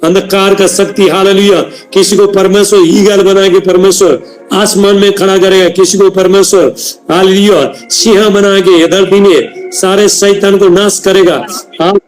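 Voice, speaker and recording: A man preaching a fiery prayer sermon as a prophet, shouting hallelujah and slowly chanting in tongues between passages. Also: high voice, flat delivery, faint music behind, low-quality recording. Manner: stops to scold people to turn off a mic.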